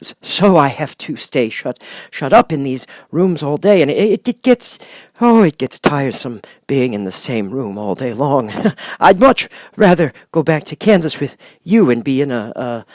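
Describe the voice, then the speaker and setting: A flustered little storybook wizard as a man acts him out, all stammers, repeats and ums. His pitch is pushed up and jumps about a great deal. The sound is dry. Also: big pitch swings, normal speed, no echo, lightly acted. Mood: flustered, sheepish. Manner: stammering, hesitant, repeating words with ums and chuckles. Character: nervous, flustered little old humbug wizard. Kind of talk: audiobook character voice.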